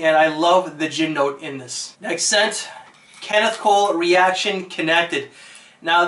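An enthusiastic man talks through his favorite fragrances in a relaxed, chatty vlog. His voice sits high and sounds bright. The room around him rings with noticeable echo. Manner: enthusiastic, chatty, lots of fillers. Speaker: fragrance reviewer. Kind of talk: casual video review.

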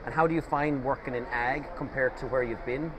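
Male interviewer, chatty and teasing, lapel mic in an outdoor expo tent, steady background noise behind him. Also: mid-range voice. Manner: chatty, teasing, quick banter. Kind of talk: casual trade-show interview.

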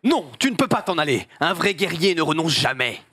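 A man's voice: a little high, big pitch swings, a little fast, pushed and bright, no room sound, studio quality, pitched below the performer's own voice, heavily acted. A man voicing a stern, grumpy old kung-fu master in an amateur cartoon dub. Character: stern old male kung-fu master, small red panda. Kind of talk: amateur dubbing of animated film.

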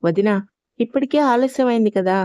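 A woman's voice: a little high, a little fast, a little mellow, dry recording, studio quality, lightly acted. A woman reading as a shy, naive young woman. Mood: wondering, naive. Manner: timid, naive, pleading.

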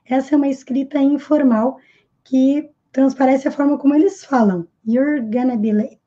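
A woman with a Brazilian Portuguese accent speaks in a high, mellow voice as she teaches English, carefully slowing down to repeat each English phrase and then translating it. The recording sounds a little dull. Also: fairly even intonation. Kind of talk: language lesson.

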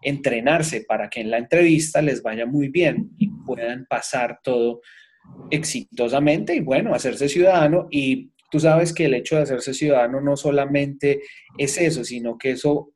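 A man's voice: medium pitch, moderate pace, a little mellow. A man with a Colombian accent, an accountant presenting an earnest seminar talk on a video call. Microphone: webcam on a video call.

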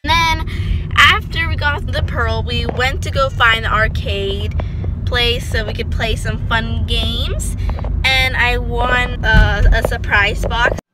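Teen girl vlogger, high voice, unhurried, rambling chat, phone mic in a car with loud music. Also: big pitch swings, low-quality recording. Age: teens. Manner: chatty, rambling with fillers and repeats. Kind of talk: casual vlog narration. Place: inside a car.

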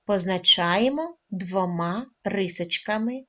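A woman teaching a lesson to first graders, speaking slowly and deliberately and drawing out each sound for the children. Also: medium pitch, bright, forceful tone. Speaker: primary school teacher. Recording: dull lo-fi recording.

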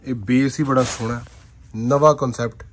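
Male shop seller, mid-pitched voice, dramatic exclamatory patter, informal, noisy phone recording. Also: steady tone. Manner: dramatic, effusive, full of drawn-out exclamations. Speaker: shop seller presenting suit fabrics. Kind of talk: informal live-style sales patter. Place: indoor fabric shop with tiled floor.

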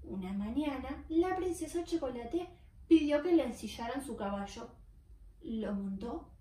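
A woman reading a children's story aloud in a clear, expressive storytelling manner with dramatic pauses. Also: high voice. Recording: roomy, far from the mic.

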